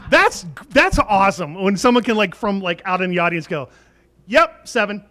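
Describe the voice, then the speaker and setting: High-voiced rambling stand-up host. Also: male voice, animated, normal speed, pushed and bright. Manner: rambling, loose audience banter. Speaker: host comedian. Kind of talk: stand-up comedy. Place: comedy club stage.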